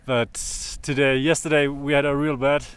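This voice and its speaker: A male rider giving short, relaxed answers to the host. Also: mid-range voice, normal speed, clear, resonant tone. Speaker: race rider. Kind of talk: casual chat.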